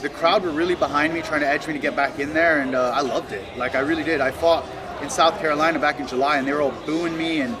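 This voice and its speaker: A man giving a casual post-fight interview as a fighter, confident and slangy, with halting, repeated words. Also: a little high, fairly even intonation. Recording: loud crowd chatter behind. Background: busy crowd talking nearby.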